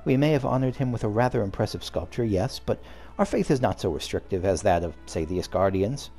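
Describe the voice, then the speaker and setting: Over soft background music, a man with a lowish voice reads the lines of a game's calm, learned young female scholar guide. His delivery is measured and formal.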